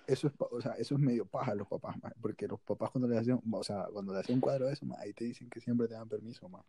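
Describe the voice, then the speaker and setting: A man's voice: mid-range voice, very fast, mellow, husky, dry recording. A young man cutting into a casual chat with his own points.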